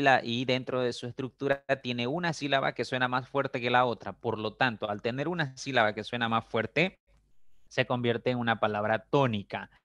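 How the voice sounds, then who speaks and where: A male teacher giving a recorded lesson, patient and repetitive, often checking understanding and stretching words slowly to show stress. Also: mid-range voice, a bit bright, no room sound, studio quality.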